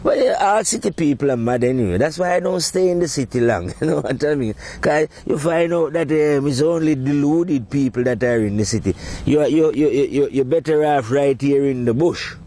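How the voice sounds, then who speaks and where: A man talking in a casual, rambling monologue, provocative and quick to laugh at his own points. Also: medium pitch, lively intonation, mellow. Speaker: podcast host.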